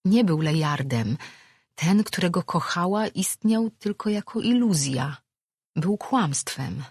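An audiobook narrator reading a fantasy novel with a steady, even delivery. The voice is husky and mid-pitched. It sounds close and dry. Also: slow pace, no room sound. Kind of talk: scripted narration.

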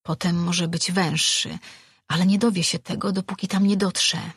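A man reading a fantasy audiobook as narrator, in slow, measured scripted narration. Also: high voice, steady tone, fairly bright tone, breathy edge, dry recording, studio quality.

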